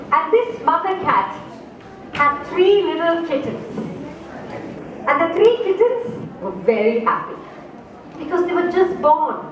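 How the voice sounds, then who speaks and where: Slow and expressive, a high-voiced Indian woman storyteller questions her audience during a live performance on a festival opening ceremony stage. A distant mic captures her in an echoey hall, with background noise present.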